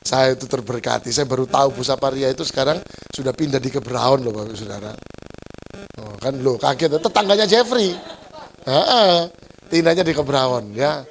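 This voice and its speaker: A man's voice: medium pitch, fairly even intonation, moderate pace, a little hiss or hum. A male pastor with a Surabaya accent preaching a playful, joking sermon to his church, teasing the congregation and laughing often. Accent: Surabaya Javanese-flavored Indonesian. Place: church service.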